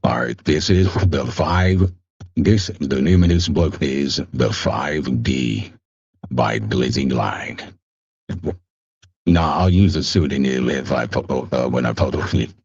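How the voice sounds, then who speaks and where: A man with a deep, gravelly voice, chatting casually and reading his own novel aloud in a slow, deliberate way. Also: darkish tone, no room sound, highs cut off. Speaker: amateur novelist.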